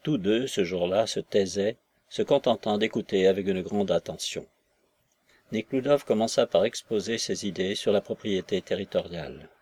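A man narrating a classic novel for an audiobook. His voice sits low and his delivery is steady and even. He keeps a calm, scripted storytelling pace. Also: moderate pace.

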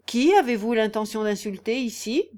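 A woman reading aloud, voicing a proud, protective gentleman with a haughty, indignant manner. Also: fairly high pitch, expressive, normal speed.

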